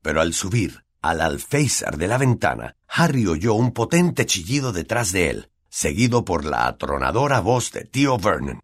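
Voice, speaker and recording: A man with a Latin American Spanish accent narrating a fantasy audiobook in an expressive storytelling manner. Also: deep voice, moderate pace, few pauses. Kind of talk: scripted narration.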